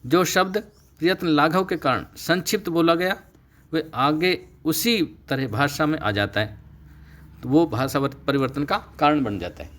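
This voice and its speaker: A middle-aged man teaching a Sanskrit class, explaining steadily and slowing down to stress key terms. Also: on the high side, fairly bright tone. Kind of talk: recorded online lecture.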